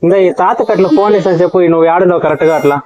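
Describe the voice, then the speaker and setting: A man with a high voice talks fast and coaxes, pushing someone to speak up on a family phone call. He sounds like he is on a phone set to speaker, with busy crowd chatter behind him. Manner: coaxing, urging the other to speak louder. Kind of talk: casual family phone chat.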